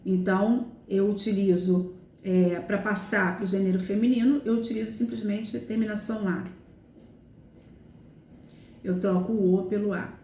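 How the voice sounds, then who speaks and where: A woman's voice: mid-range voice, steady tone, normal speed, long pauses, dark tone, reverberant, slight background noise. A teacher, a woman, explaining grammar rules step by step and checking in with her students often. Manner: explanatory, repeats examples, frequent "tá?" and "né?" checks. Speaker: Portuguese language teacher. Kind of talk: recorded grammar lesson.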